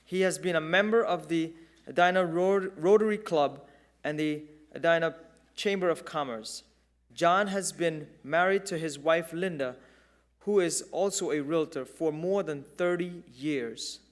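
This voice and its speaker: A man reading a formal, measured introduction of a keynote speaker. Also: fairly high pitch. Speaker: event presenter. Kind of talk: scripted introduction.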